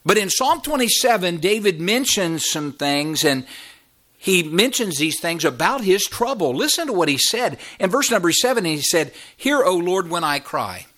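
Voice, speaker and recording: Man, 50s, pastor; sermon delivery that swells high and sinks low, bright and pointed. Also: sing-song, normal speed. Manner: preaching with sweeping rises and drops in voice.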